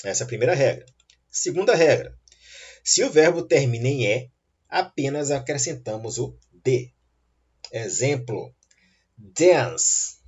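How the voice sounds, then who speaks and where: A man's voice: mid-range voice, very animated, a little mellow, slightly rough. A man teaching English grammar in a lesson, explaining patiently and checking that students follow. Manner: slow, patient explaining with rising checks like "tá bom?". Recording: dull lo-fi recording.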